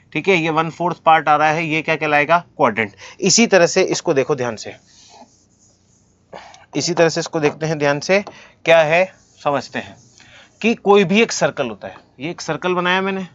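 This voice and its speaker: A man teaching maths, solving textbook problems step by step, asking his own questions and answering them in a relaxed, encouraging way. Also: on the high side, dry recording, dull audio. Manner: relaxed, encouraging, talks straight to students, asks and answers himself; reads formulas and English sums slowly, word by word.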